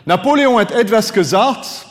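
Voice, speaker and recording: A French man in his fifties, whose first language is French, delivers a sermon in a fairly high voice at a moderate pace. He is animated, driving points home with rhetorical questions and sudden emphatic swings in loudness, and a long reverb makes him sound as if he's in a large hall.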